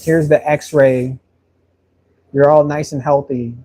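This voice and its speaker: Man, 30s, slightly high voice, casual painting stream, rambling, friendly, repeats words. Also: steady tone, slow, mellow. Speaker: painter streaming and answering viewer comments. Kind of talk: casual live-stream chat while painting.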